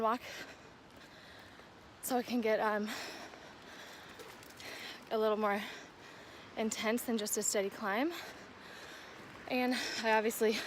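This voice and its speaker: A woman's voice: a little high, a little hiss or hum. A young American woman chatting casually and informally for a trail vlog, recorded outdoors on the move. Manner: chatty, informal, breaking off to talk to her dog. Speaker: vlogger.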